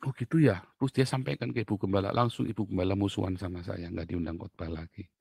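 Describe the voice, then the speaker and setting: A man preaching, his voice gravelly and a little husky. He tells personal stories in an animated way and laughs often at them. The recording is dry and close. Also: sits low, quick pace, no echo. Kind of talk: sermon with personal anecdotes.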